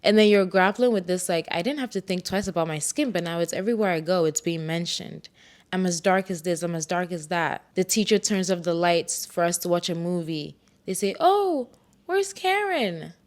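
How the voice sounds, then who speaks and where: A woman's voice: fairly low pitch, normal speed. A young woman from Ghana hosting a solo podcast, telling personal stories in a candid, reflective way with bursts of playful self-hype. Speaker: podcast host.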